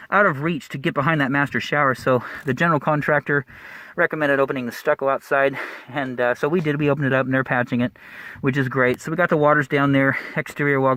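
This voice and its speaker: Breathless plumber touring a cramped attic. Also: male voice, medium pitch, bright, forceful tone, no room sound. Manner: quick, rambling, with fillers and restarts. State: out of breath, wearing a mask. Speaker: plumbing contractor. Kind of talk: casual job-site walkthrough.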